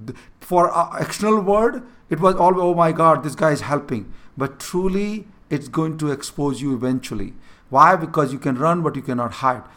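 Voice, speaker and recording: A man with a fairly high, slightly bright voice speaks at normal speed with an Indian accent; Hindi is his first language. In a mentoring conversation, he earnestly coaches a younger person on leadership, repeating his key points.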